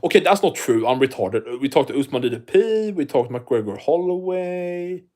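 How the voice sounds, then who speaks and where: A livestream host with a strong non-native accent speaks at normal speed in a fairly high, slightly mellow voice with lively intonation. He chats casually with viewers about their comments, rambling, swearing and often restarting.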